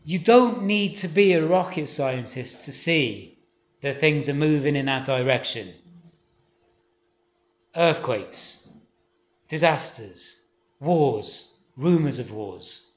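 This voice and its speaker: A man preaching a sermon, emphatic and joking, with quick rhetorical questions. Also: a little high, expressive. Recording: roomy, slightly dull sound.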